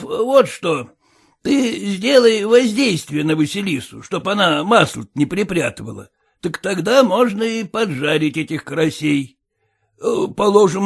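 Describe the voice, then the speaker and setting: A man's voice: high voice, vocal fry, husky, voice pushed up, heavily acted. A man reading an audiobook, voicing a kindly captain who fusses and hesitates with filler sounds. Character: kindly fussing old captain. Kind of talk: audiobook character voice.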